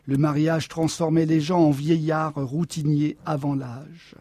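A man narrating literary fiction as an audiobook in a measured, expressive storytelling manner. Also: a little high, no echo.

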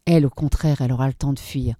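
A woman narrating a dark story in a measured, dramatic reading. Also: extremely low pitch, fairly even intonation, no echo, studio quality.

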